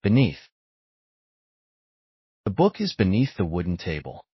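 Slow scripted word-and-sentence reading comes from a male vocabulary reader whose husky low voice still has lively pitch movement. He enunciates carefully at a very deliberate pace, and the dry, slightly dull recording has no room sound and little treble.

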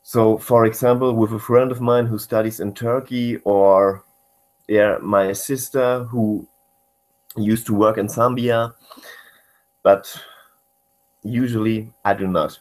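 A man from East Germany speaks English with a German accent. His voice sits a little low, and he talks in halting phrases, often stopping to find the right word. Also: steady tone, rough recording. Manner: hesitant, searching for words. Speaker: interviewee.

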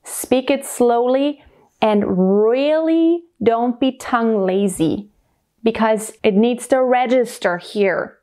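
This singing teacher, a thirtysomething woman with a faint German accent, films her lesson at home beside a piano. Her voice is fairly high with a dark tone and a slow pace, and she explains with animation while demonstrating the sounds herself.

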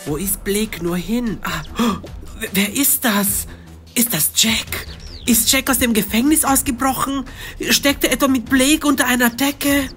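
A performer voices an anxious young girl detective with asthma in first-person storybook narration, breathless and stammering in a hurry. The natural voice is mid-range, a little slow, and fairly bright, with faint music behind it.

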